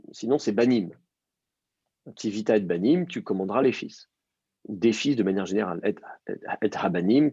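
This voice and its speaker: A man's voice: medium pitch, a little mellow, breathy edge, no room sound, dull audio. A man teaching a language class, explaining step by step and quizzing his student. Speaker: Hebrew teacher. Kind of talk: live class instruction.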